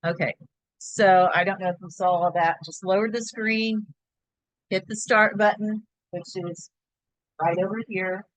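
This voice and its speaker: A woman's voice: medium pitch, fairly even intonation, a little slow, dry recording, low-quality recording. A woman hosting a crafting tutorial, talking step by step through a screen-share in a chatty, think-aloud way.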